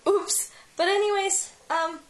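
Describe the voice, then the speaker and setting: A woman's voice: very high voice, fairly even intonation, measured pace. Giggly young woman on a home camera. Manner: chatty, giggly and teasing. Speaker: video blogger. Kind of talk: casual late-night home video chat. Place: at home, indoors. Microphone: handheld camera mic.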